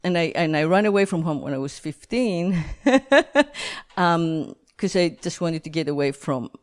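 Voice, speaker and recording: A woman's voice: on the low side, expressive, a little slow. A woman from Greece hosting a podcast interview, talking casually with many fillers and laughs. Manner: rambling, frequent fillers and laughs. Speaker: podcast host.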